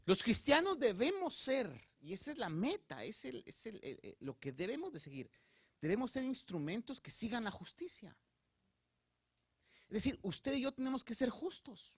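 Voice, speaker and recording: The male pastor here has an extremely high, slightly rough voice and speaks at normal speed, recorded without room sound. In a Spanish-language sermon he addresses the congregation directly, checking in often, with an animated, preacherly delivery that builds in emphasis.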